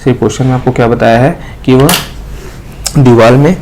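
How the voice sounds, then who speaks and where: An Indian man teaching, who goes through exam questions, reads each English question out slowly and explains it with many repeated fillers. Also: medium pitch, fairly even intonation, darkish tone, a little hiss or hum, rough recording. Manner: repeats each point and adds a filler after nearly every line. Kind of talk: exam question walkthrough lesson.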